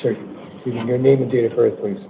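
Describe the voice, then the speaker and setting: Reading charges and setting release terms at initial appearance hearings, an American judge speaks with a medium-pitched, steady voice that is weak that day. He is plain-spoken and informal, halting as he keeps checking that everyone follows. The audio is tinny, like a phone, with faint noise.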